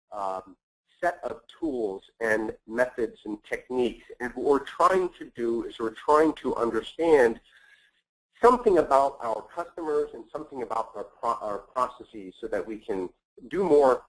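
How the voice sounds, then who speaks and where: A man hosting and presenting a business webinar, speaking in a measured way with frequent filler words. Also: mid-range voice, low-quality recording. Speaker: webinar host.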